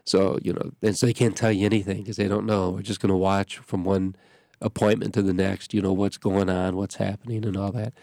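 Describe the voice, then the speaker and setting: Congested guy rambling on radio, gravelly low voice, dry studio sound. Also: level tone, brisk, warm tone, dry recording. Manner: rambling, self-interrupting. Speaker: pastor and radio host. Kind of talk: casual radio chat.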